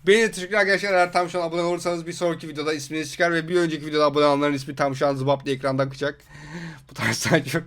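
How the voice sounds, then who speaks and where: A young man giving casual, excitable reaction commentary on gaming videos, exclaiming and joking in mock outrage. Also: a little high, rapid-fire.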